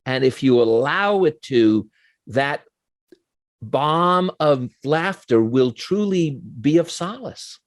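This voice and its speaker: A man's voice: a little high, lively intonation, slow, dry recording. A man with a New York accent hosting an interview, asking earnest, admiring questions. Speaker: interview host.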